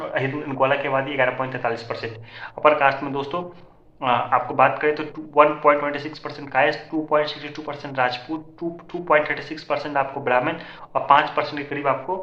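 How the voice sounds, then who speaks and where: A man's voice: fairly high pitch, bright, forceful tone. A man presenting census figures in an informal, repetitive explainer style, often calling out to his viewers as friends. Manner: rapid, repetitive, keeps addressing viewers as friends. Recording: echoey, slightly dull lo-fi audio.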